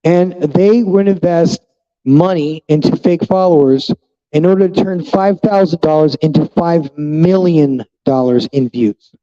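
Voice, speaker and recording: On a dull, lo-fi recording, a vlogger in his fifties speaks bluntly to his viewers, ranting and swearing freely in a casual style. His voice runs somewhat high but has a dark, mellow quality.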